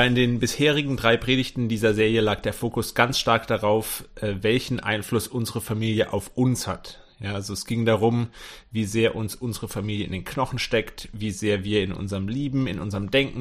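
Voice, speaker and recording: A man who is the pastor, opening his sermon in a conversational way with some filler sounds. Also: fairly low pitch.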